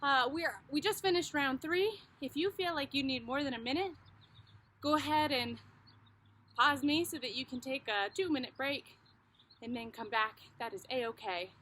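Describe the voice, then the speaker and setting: A woman's voice: high voice, moderate pace, fairly bright tone. A woman fitness instructor guiding a home workout, calling out the moves and cheering people on. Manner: encouraging, coaching. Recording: echoey room with guitar music.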